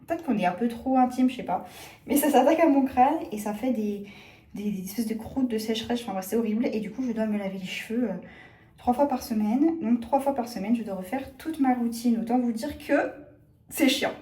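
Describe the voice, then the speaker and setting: A woman's voice: fairly high pitch, brisk, mellow. A young woman chatting casually in a vlog, self-mocking and trailing off into hesitant asides, recorded on a phone held at arm's length. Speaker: vlogger. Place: apartment rooms and city streets. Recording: echoey phone audio with faint hum.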